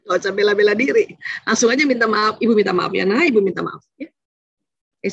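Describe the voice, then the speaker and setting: Woman, parenting seminar speaker, husky, chatty, dull lo-fi recording, dry sound. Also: mid-range voice, dry recording. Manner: chatty, acts out what parents should say. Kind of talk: casual seminar talk.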